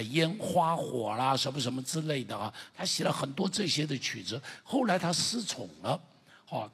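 A man preaching a sermon to a congregation as pastor, emphatic and building to shouted climaxes. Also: medium pitch, husky. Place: church sanctuary. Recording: long reverb of a large church hall.

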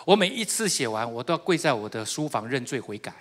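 A middle-aged man giving a personal testimony, telling his story with animated laughing asides and hushed, emotional confession. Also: medium pitch, fast talker, big-room sound. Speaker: church member giving testimony.

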